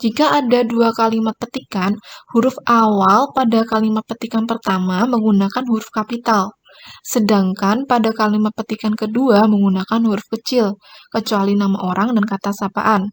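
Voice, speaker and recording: A woman's voice: a little high, fairly even intonation, moderate pace. Woman teacher explaining grammar. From Indonesia. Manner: explanatory, pointing at examples on screen. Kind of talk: recorded classroom lesson.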